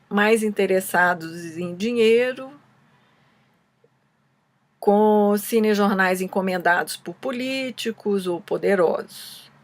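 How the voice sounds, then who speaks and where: Woman, Brazilian Portuguese accent, mid-range voice, slow pace, scripted explanatory narration, measured reading, occasional stumbles. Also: medium pitch, dry recording. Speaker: presenter answering a film student's questions.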